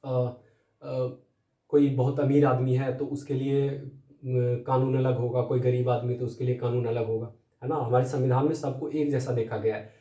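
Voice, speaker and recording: A man's voice: medium pitch, level tone, moderate pace, mellow. A young man teaching an exam-prep lesson, explaining step by step with frequent tag questions and fillers. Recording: echoey room, voice distant from mic.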